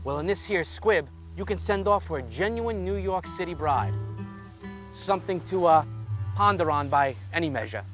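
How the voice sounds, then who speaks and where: A sly, smooth-talking swindler. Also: male voice, high voice, animated, moderate pace, a bit bright. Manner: folksy, wordy, persuasive patter. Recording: film soundtrack with faint music.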